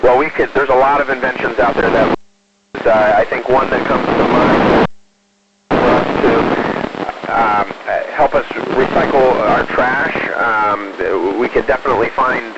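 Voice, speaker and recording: A man, an astronaut, answering questions over a space radio link in a measured, explanatory way with hesitant pauses. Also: mid-range voice, muffled recording, very noisy. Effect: space radio transmission. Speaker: astronaut aboard the space station. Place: inside an orbiting space station.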